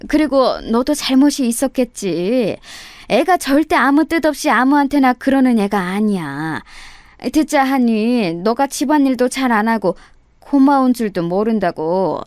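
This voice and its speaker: A woman's voice: fairly high pitch, lively intonation, unhurried, darkish tone, no room sound, studio quality. A woman voicing a rude older mother-in-law who grumbles and coaxes with excuses. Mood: wheedling. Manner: grumbling, coaxing.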